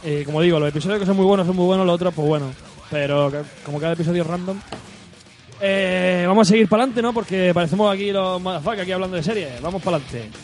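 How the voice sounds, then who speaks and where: Casual co-host, man, high voice, teasing and profane. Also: quick pace. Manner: teasing, swearing, animated. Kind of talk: casual chat.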